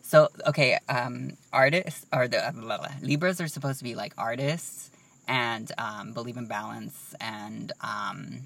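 A man's voice: medium pitch, measured pace, creaky, a bit bright, far from the mic. A young man in casual chat, rambling and saying "like" a lot. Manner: chatty, rambling, says "like" a lot.

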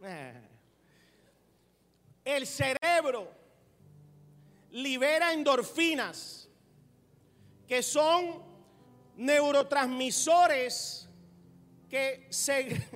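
High-pitched preacher guy, calls for amens, gets loud, long echo in a church hall with faint music. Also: animated, drawn-out words, long pauses. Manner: preaching, calls for amen, laughs, rises to loud emphasis. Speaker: pastor. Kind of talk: sermon.

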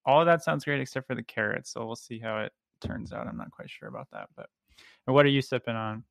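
At home, a man with a gravelly mid-range voice hosts a podcast, speaking fast as he reads a scripted intro and then interviews a guest in a relaxed, casual way with filler words. The studio-quality recording has no echo.

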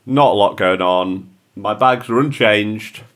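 A man's voice: fairly low pitch, a little slow, fairly bright tone. A man co-hosting a crypto podcast, chatting casually and joking with friends. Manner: banterish, jokey, laughs often. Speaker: podcast co-host. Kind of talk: casual chat.

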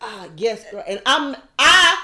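A woman co-hosting a podcast, telling a story in a casual chat and breaking into loud laughter. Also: high-pitched, very animated, takes it slowly. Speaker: podcast co-host.

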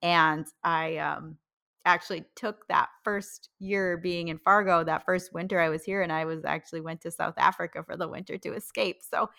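A woman's voice: on the low side, fairly even intonation, moderate pace, gravelly, sharp tone. A woman from North Dakota hosting a podcast, introducing her guest and chatting in an upbeat, encouraging way. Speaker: podcast host.

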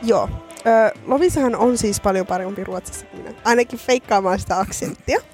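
A woman's voice: mid-range voice, darkish tone, soft background music. A woman co-hosting a podcast, chatting casually and poking fun at herself. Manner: chatty, self-mocking. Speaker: podcast co-host. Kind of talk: casual chat.

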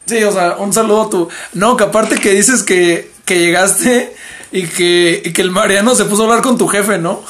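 Young man, Mexican Spanish accent, livestream host, casual gossip chat, high voice, animated. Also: moderate pace, slight background noise. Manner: animated, acts out others in high mimicking voices.

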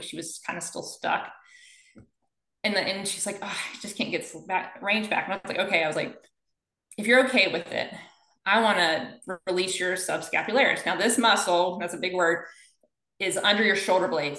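Bright-voiced woman physical therapist, echoey room. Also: on the low side. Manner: energetic storyteller, acts out quoted dialogue. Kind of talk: conversational interview.

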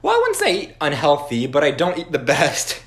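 A young man co-hosting a podcast, chatting casually with a relaxed, wry manner. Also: on the high side, normal speed. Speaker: podcast co-host. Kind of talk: casual chat.

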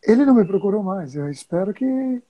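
A Brazilian woman speaks as a Buddhist teacher in relaxed conversation. Her voice is very dark and mellow, with a husky edge. She tells stories in an unhurried way, chuckling as she goes. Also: medium pitch, rough recording. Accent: Brazilian Portuguese. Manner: storytelling, chuckles often, drawn-out pauses. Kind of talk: casual conversation.

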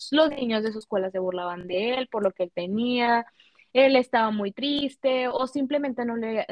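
A young woman speaks in a fairly high voice, telling a personal story with deep feeling. Her talk is loose and casual, packed with fillers. The recording is dry, with no room echo. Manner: emotional, heartfelt storytelling with many fillers. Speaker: guest sharing a testimony. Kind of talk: casual conversation.

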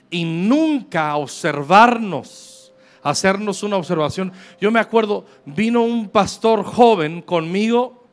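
A Mexican man in his fifties, a pastor preaching to a congregation in a joking, slangy, conversational way and reading scripture aloud. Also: high voice. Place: church service.

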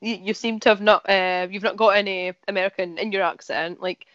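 A woman's voice: mid-range voice, fairly even intonation, brisk, fairly bright tone, dry recording, dull audio. Chatty woman host. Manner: chatty, giggles often, fillers like "like". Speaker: podcast host. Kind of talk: casual interview chat.

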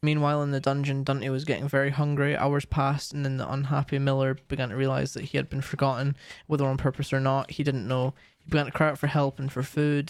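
A man's voice: medium pitch, dry recording, clean studio sound. A young Scottish man co-hosting a podcast, chatting casually and reading aloud. He swears often and laughs a lot. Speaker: podcast co-host.

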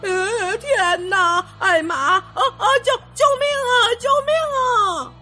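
A woman's voice: very high voice, animated, slow, pushed and bright, soft background music, voice pushed up, full character voice. A woman voicing a young male elephant cousin who calls out in a plaintive wail, in a storybook reading.

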